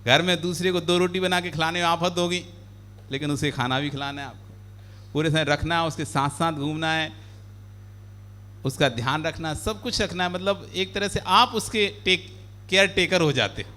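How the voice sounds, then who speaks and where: A monk delivering a sermon, mixing in lively stories and acting out each character with playful energy. His speaking voice is notably high and bright. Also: moderate pace. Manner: animated, playful, acts out the characters. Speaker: Jain monk preaching. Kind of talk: sermon with storytelling.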